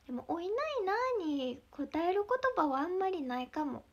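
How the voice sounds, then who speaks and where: A young woman with a Mie dialect accent, chatting casually on a livestream, giggling often and sometimes dropping into soft whispers. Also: sits high, lively intonation, moderate pace. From Mie Prefecture, Japan. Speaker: idol livestreamer.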